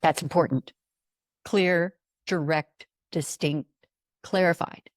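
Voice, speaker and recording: A woman's voice: on the low side, slow pace, no echo, studio quality. A woman hosting a motivational podcast as a life coach, speaking emphatically and repeating her key words.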